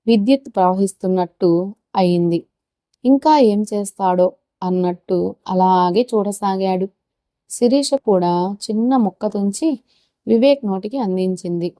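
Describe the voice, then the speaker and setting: Female storyteller, steady expressive audiobook narration, warm timbre. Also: medium pitch, no room sound, clean studio sound.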